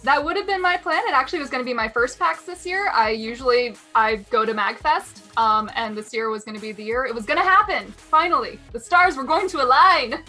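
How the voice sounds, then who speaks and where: A woman's voice: high voice, a little fast, hardly any pauses, bright, forceful tone, faint music behind. A woman playing a breezy rave diva. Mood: wistful. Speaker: competing artist.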